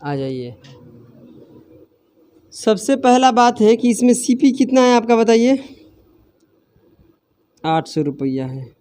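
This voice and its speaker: High-voiced male maths teacher. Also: sing-song, slow, pauses often, mellow, clear, resonant tone. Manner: asks students constant questions, then answers them himself; scolds students for laughing. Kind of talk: classroom maths lesson.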